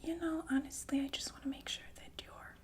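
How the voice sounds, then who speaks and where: A woman ASMR performer whispers a roleplay monologue as a calm, sinister killer nurse who is polite and chillingly chatty. Her high voice stays steady and lightly acted, softly menacing as she speaks unhurriedly and hesitantly, matter-of-fact about death.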